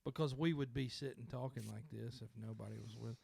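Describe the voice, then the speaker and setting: A man hosting a podcast in casual conversation, talking in a halting, self-correcting, joking way at a table mic indoors. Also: medium pitch, steady tone, gravelly, a little mellow, a little hiss or hum. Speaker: podcast host. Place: indoor room by a window.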